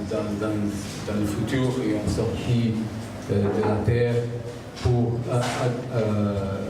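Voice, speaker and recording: A man who is a non-native French speaker with a foreign accent, giving a public lecture haltingly, searching for words and repeating himself. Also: medium pitch. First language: not French. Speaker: guest lecturer. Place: echoey indoor lecture space. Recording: echoey room, distant mic, clear background noise.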